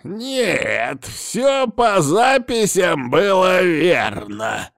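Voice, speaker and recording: A man voicing an irritable old male healer who shouts and drags out his words. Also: sits high, very animated, creaky, dry recording, studio quality, faint music behind, pitched above the performer's own voice, heavily acted. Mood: furious. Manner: shouting, strained and drawn-out.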